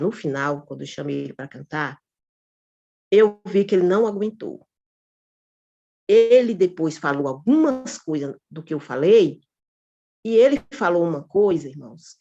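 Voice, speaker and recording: Woman, informal testimony, animated delivery, addresses brothers and sisters, muffled recording. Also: on the low side. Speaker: church member giving testimony. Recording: dull lo-fi recording.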